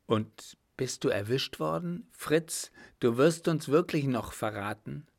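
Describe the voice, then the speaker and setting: A man reading aloud and voicing a calm, watchful gentleman posing as a doctor, with measured, composed questions. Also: medium pitch, vocal fry, voice pushed up, full character voice.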